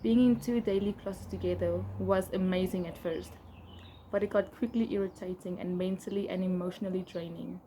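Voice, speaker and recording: A young adult woman with a South African accent, reading aloud and chatting casually in a candid, expressive way. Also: fairly low pitch, moderate pace, poor audio. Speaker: vlogger. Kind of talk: casual reading of old diary entries with asides. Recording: clear background noise.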